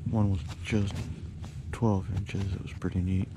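A man's voice: deep voice, level tone, unhurried, very noisy. A man casually talking to himself while fishing off a dock, filmed on a body-worn camera. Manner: muttering, coaxing the fish. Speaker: angler filming his fishing trip. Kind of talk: casual self-talk while ice fishing. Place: outdoors on a dock by a lake. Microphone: body-worn action camera.

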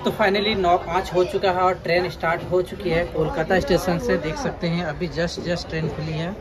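A travel vlogger in his thirties films himself with a phone at arm's length on railway platforms and inside a train, chatting and explaining as he goes and mixing in English words. His voice is high, level in tone, at normal speed. The phone picks up loud crowd noise and train sounds.

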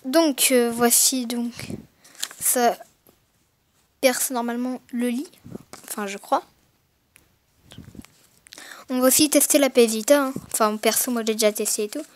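A woman's voice: a little high, fairly even intonation, a little slow, pauses often. A woman recording a casual unboxing narration through a gaming headset mic, talking hesitantly with many fillers and self-corrections. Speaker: gaming video maker.

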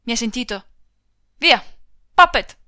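A woman's voice: medium pitch, fairly bright tone, dry recording, clean studio sound, close to an everyday voice. A woman reading the part of a brusque young male soldier in an audiobook, speaking curtly and commandingly. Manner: curt, commanding, hurried.

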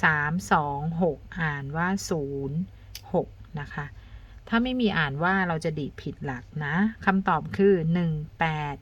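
A woman teacher talking students through arithmetic step by step, counting aloud and adding soft polite particles. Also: sits low, measured pace, highs cut off. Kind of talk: step-by-step math lesson.

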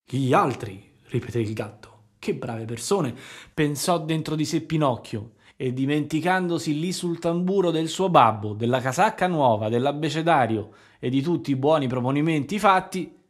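A man's voice: on the high side, expressive, moderate pace, few pauses. Man reading a classic children's story. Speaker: audiobook reader. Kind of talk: storybook narration.

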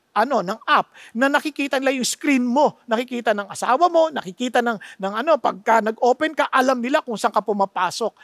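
Filipino pastor, high voice, emphatic sermon delivery, rhetorical questions, dry close sound. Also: male voice, fairly bright tone, no echo. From Philippines. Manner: mixes Tagalog with English phrases.

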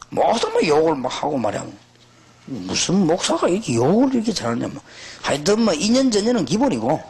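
Husky, lively-pitched man preaching. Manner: emphatic, exhorting, animated storytelling. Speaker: pastor. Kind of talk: sermon.

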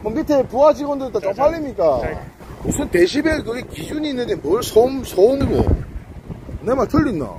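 A man's voice: very high-pitched, very animated, fairly quick. A young man with a Gyeongsang Korean accent, livestreaming a mocking, argumentative confrontation on a street. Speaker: live-streamer. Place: outdoors on a busy street. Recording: street noise behind.

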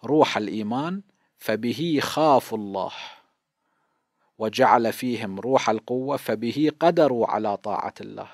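A man's voice: mid-range voice, normal speed, no echo, studio quality. Iraqi-accented man teaching a religious lesson. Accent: Iraqi Arabic. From Iraq. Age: 50s. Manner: explanatory, asks and answers his own questions. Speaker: cleric teaching a seminary lesson. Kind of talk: religious lesson, explaining hadith.

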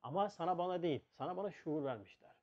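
Animated man giving a religious lesson. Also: fairly high pitch, rapid-fire, dull audio. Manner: animated, rhetorical questions, swings between loud and hushed. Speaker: religious teacher. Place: on a pulpit or lecture seat.

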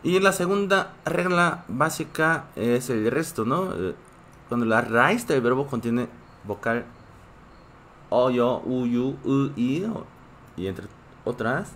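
A man's voice: mid-range voice, lively intonation, takes it slowly, a bit bright, a little hiss or hum. A man who is a native Korean speaker, teaching a live online class in a patient way and often checking in with his students. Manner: reads chat and greets viewers.

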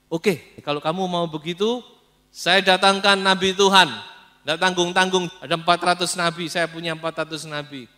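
A man's voice: mid-range voice, moderate pace, fairly bright tone, natural voice. A man voicing a scheming, pushy king who grumbles and coaxes in a raised voice during a sermon. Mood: boastful.

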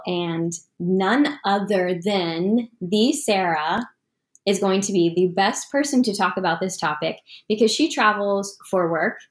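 A young woman hosting a casual video podcast from a living room, upbeat and gushing, laughing often. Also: mid-range voice. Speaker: podcast host.

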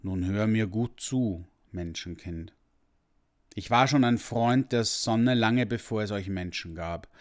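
A man voicing an ancient, kind male dragon in a storybook, speaking slowly and solemnly with a deep rumbling voice. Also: lightly acted. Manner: slow, solemn and fatherly. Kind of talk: storybook reading.

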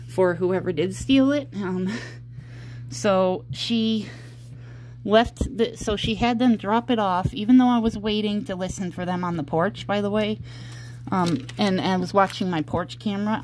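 A woman telling a personal story in a casual vlog, halting and explanatory, with an aggrieved manner. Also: fairly low pitch, a little mellow. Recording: clear background noise, handheld home recording.

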